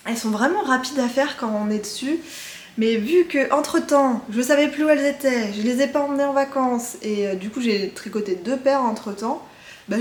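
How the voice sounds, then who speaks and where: A woman with a slightly high voice chats in an easy show-and-tell way, pausing often on filler sounds as she goes. The room around her is echoey and roomy, with faint ambient noise behind. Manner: chatty, hesitant with frequent fillers. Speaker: knitting vlogger. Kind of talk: casual show-and-tell chat.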